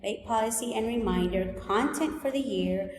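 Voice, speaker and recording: A woman in her forties from El Salvador, a high school teacher, walking through her class rules and agenda in a clear, list-like way. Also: moderate pace, background noise. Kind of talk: recorded open house presentation. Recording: echoey room, long reverb.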